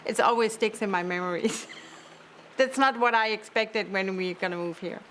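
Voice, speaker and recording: A woman's voice: mid-range voice, normal speed, fairly bright tone, slight background noise. A woman from Bavaria with a German accent, speaking plainly and reflectively in a documentary interview.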